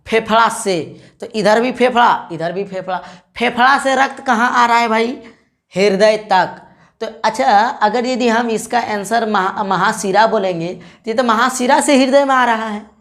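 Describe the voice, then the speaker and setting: A woman teaches an exam-prep lesson at a steady middle pitch. She drills her class with rapid question-and-answer pairs, repeats key terms over and over, and corrects herself mid-word.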